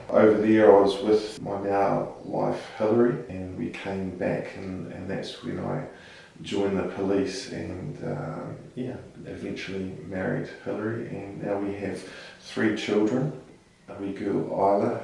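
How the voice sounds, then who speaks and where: A man in his thirties with a New Zealand accent, a police sergeant answering interview questions in a measured way, often pausing with ums. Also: low voice, gravelly, a little mellow, slight background noise. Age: 30s. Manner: measured, with frequent ums and restarts. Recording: very echoey room, distant mic.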